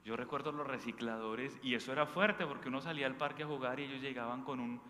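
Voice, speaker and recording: This priest's mid-range voice sounds pushed and bright, and he talks fast in his Bogotá Colombian accent. He gives an informal, emphatic, conversational sermon with anecdotes, frequently asking the audience short questions. The hall is echoey, with faint background noise.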